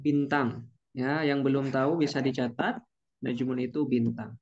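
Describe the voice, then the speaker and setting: A man teaches an online Arabic class and patiently stretches out each Arabic phrase. His voice has a middle pitch. The sound is muffled, like a lo-fi call. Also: steady tone, moderate pace, darkish tone.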